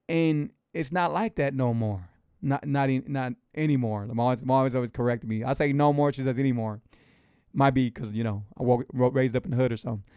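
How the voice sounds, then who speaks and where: In a clear, resonant mid-range voice and at a fairly quick pace, a motivational speaker approaching fifty encourages his live audience in a casual, repetitive, animated ramble. The sound is clean and studio-made, without echo.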